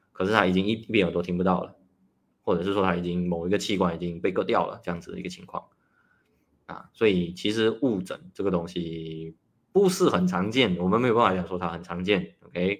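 A nutritionist hosting a casual livestream talk. He is a man who explains things in a chatty way and starts many phrases with a drawn-out "ah". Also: low voice. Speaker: nutritionist host.

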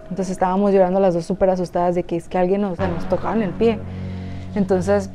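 A woman's voice: lowish voice, flat delivery, fast. A young woman with a Mexican accent, chatting to her viewers as she tells a personal story, with many fillers. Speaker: YouTuber telling a personal story. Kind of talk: casual storytime narration. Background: background music.

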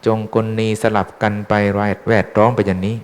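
A fairly low-voiced monk gives a relaxed dharma talk to lay followers, chatty and teasing as he quizzes them. His voice carries a long reverb off a big temple hall. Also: a little fast. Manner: chatty, teasing the audience with questions. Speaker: Buddhist monk teaching dharma.

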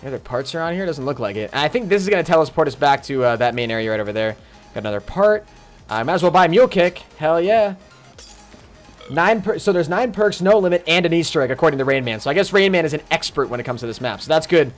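A man talking through a live game stream in a slightly high, very lively voice. He chats casually, greets viewers by name and breaks into sudden excited outbursts. Faint game music plays underneath. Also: fast. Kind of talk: live gaming stream commentary.

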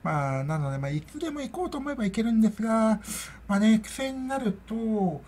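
A woman's voice: a little high, expressive, brisk, mellow, a little hiss or hum. A middle-aged woman hosting a casual solo podcast chat, rambling and chatty and laughing often, into her own microphone. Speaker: podcast host.

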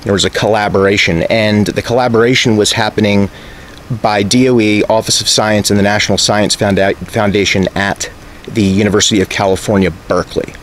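An American man in his thirties calls on the phone to request records, speaking casually, a little hesitantly, and agreeably. His fairly low voice is brisk, fairly even, and a bit bright. He stands outdoors before leafy greenery, with faint outdoor noise behind him.

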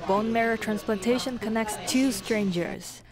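Woman, news narrator, measured read, music bed underneath. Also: fairly high pitch, fairly even intonation. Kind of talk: scripted news voice-over. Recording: voice-over with loud music bed.

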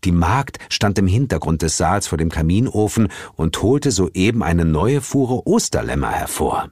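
A middle-aged man narrates a comic audiobook with a playful, expressive touch. His fairly low voice moves through a lively, wide melody. The studio sound is dry and close. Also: moderate pace, no room sound. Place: recording studio.

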